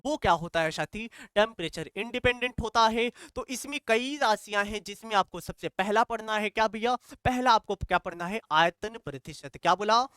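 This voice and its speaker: Bright, crisp male chemistry teacher. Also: sits high, normal speed, hardly any pauses, no echo. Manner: repetitive call-and-response questioning. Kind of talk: classroom lecture.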